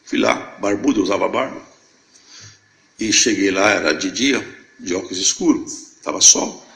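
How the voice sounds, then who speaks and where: Older man with a gravelly voice giving a testimony. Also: low-pitched, animated, normal speed, a bit bright, echoey room, rough recording. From Brazil, Minas Gerais. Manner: storytelling that acts out remembered dialogue. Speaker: church member giving testimony. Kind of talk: emotional church testimony.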